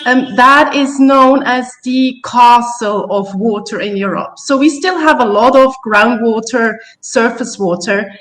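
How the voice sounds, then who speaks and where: A woman from Switzerland giving a measured webinar address, at times searching for words. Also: high-pitched, low-quality recording. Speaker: invited speaker.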